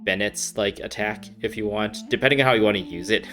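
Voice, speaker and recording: Playful, very low-voiced woman gamer. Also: a little fast, fairly bright tone, soft background music. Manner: playful, silly asides. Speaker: game streamer. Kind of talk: casual game commentary with dialogue read-along.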